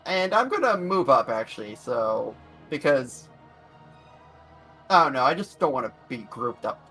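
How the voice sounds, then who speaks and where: A man's voice: medium pitch, sing-song, a little slow, sharp tone. A man chatting casually as a player in a tabletop game. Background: faint music.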